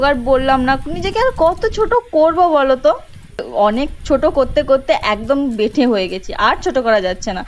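A young woman speaks. She narrates her vlog in a chatty way, pokes fun at herself and keeps talking straight to her viewers. A faint hum of background sound runs under her voice. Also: high voice. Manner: self-mocking, chatty, addresses viewers directly. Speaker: vlogger. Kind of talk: humorous vlog voice-over.

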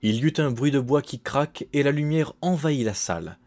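A man reading an audiobook in a measured, dramatic narration. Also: mid-range voice, animated, darkish tone, faint music behind. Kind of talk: scripted narration.

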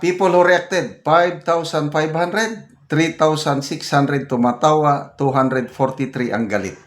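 An older Filipino man, a retired general, giving casual political commentary, reading comments aloud and growing indignant. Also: medium pitch. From Philippines. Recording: roomy echo.

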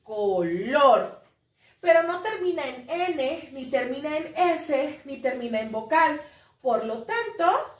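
A Mexican woman teaching a primary school class online, drawing out words slowly to mark the stressed syllable. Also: high-pitched. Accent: Mexican Spanish. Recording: echoey room, voice a little far from the mic.

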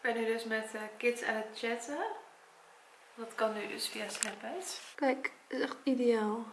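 Young Dutch woman, vlogger, tearful and congested, fry in a slightly high voice, echoey home room. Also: unhurried, a little hiss or hum. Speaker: vlogger and primary school teacher. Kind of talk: personal vlog talk to camera. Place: at her parents' home, indoors. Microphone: camera mic.

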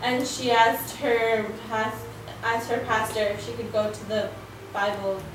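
Young woman interpreting a sermon slow and flat, faint music, echoey far-off mic. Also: a little high, slight background noise. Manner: hesitant, with fillers and restarts while interpreting. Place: living room set with framed pictures. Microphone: far camera.

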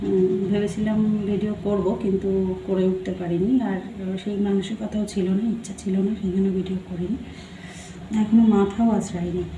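A woman talks quietly and warmly to her viewers as she cooks, her voice mellow and low-key. The phone picks her up in an echoey home kitchen, with a faint hum of the room behind her. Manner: talks softly, chatty and homely. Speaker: family vlogger. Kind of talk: casual vlog chat while cooking.

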